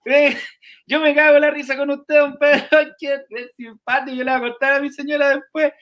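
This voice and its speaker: A man's voice: extremely high pitch, level tone, brisk, fairly bright tone, voice pushed up. A man putting on a fawning, giggly Chilean taxi driver with a Chilean accent. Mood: amused. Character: jolly starstruck male taxi driver, chatty.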